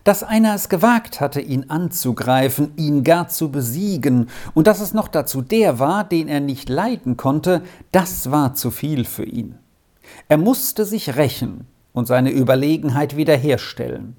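Unhurried storybook narrator, medium pitch, measured reading. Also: lively intonation, darkish tone. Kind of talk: audiobook reading.

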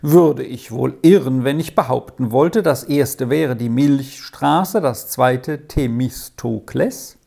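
A kindly older uncle from a storybook speaks in a low, gravelly, mellow voice, as a woman narrator puts him on. He takes his time, genial and fatherly. His delivery stays relaxed and warm. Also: slow, hardly any pauses, full character voice. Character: kindly older gentleman uncle, jovial and unhurried. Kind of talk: audiobook character voice.

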